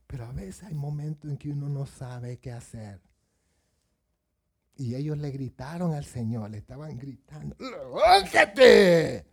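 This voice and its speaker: Husky-voiced man preaching a sermon. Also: mid-range voice, normal speed, mellow. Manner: asks the congregation questions, acts out Bible voices.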